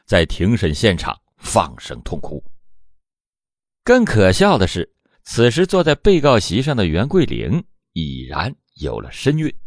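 A low-voiced man narrating a true crime case from a script. His pitch swings widely, springing up at the start of phrases and sinking at their ends. The close studio mic gives a dry sound with no room in it. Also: darkish tone, no room sound. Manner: dramatic, swooping emphasis on phrase openings. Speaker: true crime storyteller, show host.

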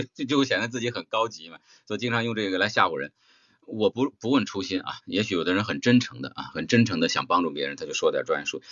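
Male voice-acting teacher lecturing a workshop: blunt, emphatic, rhetorical, swinging pitch, dry dull lo-fi sound. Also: fairly bright tone, dry recording.

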